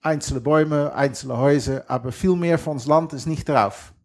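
A man's voice: on the high side, moderate pace, a little mellow. A middle-aged man with a strong Dutch accent, a guest in a casual interview, speaking German plainly with grammar slips. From western Netherlands. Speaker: guest, lifelong sailor.

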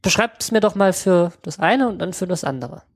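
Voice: mid-range voice, lively intonation, brisk. An interviewer in a casual talk, asking long questions that restart along the way.

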